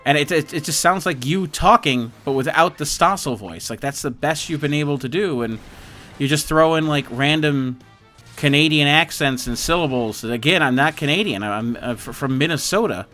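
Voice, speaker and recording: A loud, grumpy sidekick, played by a man in an improvised comic bit, complaining in exasperated bursts with a bright, forceful edge to the voice. Faint game music plays behind him. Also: on the high side, normal speed.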